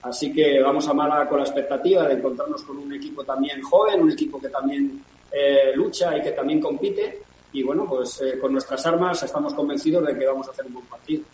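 A man, a football coach, giving measured press-conference remarks with frequent pauses and fillers. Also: mid-range voice, steady tone, darkish tone. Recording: echoey room from far off, faint hiss.

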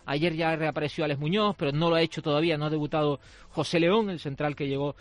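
Man, sports reporter, fast informative delivery, dry close sound. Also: on the high side, steady tone, no echo. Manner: brisk, informative delivery with fillers.

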